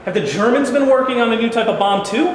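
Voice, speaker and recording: In a very reverberant hall, a man reads a blunt, exasperated president in a stage play. The voice is high and lively in pitch, with deliberate, emphatic phrasing over faint noise. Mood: weighing, concerned. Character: President Truman, blunt, exasperated newly informed American leader. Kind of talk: amateur staged reading of a play. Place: indoor hall, staged reading.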